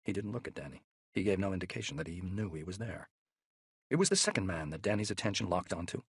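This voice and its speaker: A man narrating a thriller audiobook in a measured, steady way, close to the mic. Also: deep voice, slightly rough, no room sound.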